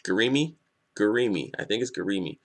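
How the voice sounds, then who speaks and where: A man giving a casual spoken review of a comic chapter, excitable and rambling, often restarting his sentences. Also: lowish voice, fast, vocal fry. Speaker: manga reviewer.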